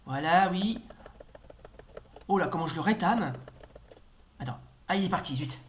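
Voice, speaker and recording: A man talks through a retro game as he plays it, rambling and full of fillers. He jumps into repeated excited warnings and exclamations. Faint background noise and keyboard clicks sit under his voice. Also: high-pitched, measured pace. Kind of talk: casual gameplay commentary.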